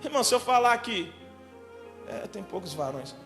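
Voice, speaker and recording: A man preaching as a church pastor, telling a story in an emphatic, animated way, with a Brazilian Portuguese accent. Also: high voice, normal speed, vocal fry, long reverb tail, soft background music. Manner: emphatic and animated, builds to shouting. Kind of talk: sermon told as a personal story. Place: church hall.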